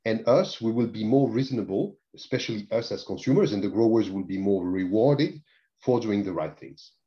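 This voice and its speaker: A man being interviewed, speaking in a thoughtful, measured way with some phrasing. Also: lowish voice, lively intonation, warm tone. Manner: thoughtful, measured, with non-native phrasing and restarts. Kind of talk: conversational interview. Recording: dull lo-fi sound.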